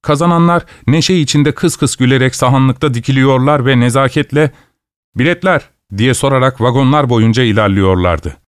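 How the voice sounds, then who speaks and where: A man reading a story aloud as narrator, in a measured, descriptive way. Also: medium pitch, clear, resonant tone, no room sound, studio quality. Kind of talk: scripted narration.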